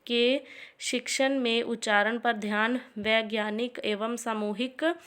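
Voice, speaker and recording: A woman's voice: fairly high pitch, slow pace. A woman teacher giving an exam revision lecture, reading points off. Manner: steady list-reading, frequent "ठीक है जी" asides.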